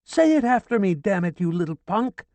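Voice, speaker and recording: For an audiobook character, a reader takes on a frantic older woman in grief, pleading hysterically in a shrill voice that verges on screaming. The delivery is sing-song and dark-toned at a moderate pace, in a dry recording.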